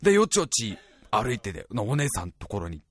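A man in his twenties hosting a talk show, telling a self-deprecating story in an exaggerated, animated way. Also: fairly low pitch, fairly quick. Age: 20s. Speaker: radio show host. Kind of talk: comedic storytelling monologue.

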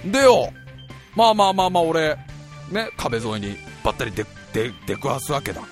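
A man in his twenties hosting a talk show, telling a self-deprecating story in an exaggerated, animated way. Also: a little high, a little fast, faint music behind. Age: 20s. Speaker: radio show host. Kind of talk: comedic storytelling monologue.

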